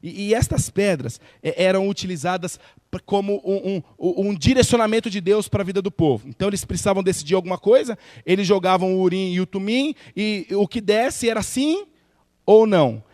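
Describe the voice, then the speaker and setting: A man's voice: high voice, brisk, darkish tone, no echo, clean studio sound. A man with a Brazilian Portuguese accent, preaching a sermon in a church, earnest and emphatic, repeating key words. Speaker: pastor. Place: church sanctuary.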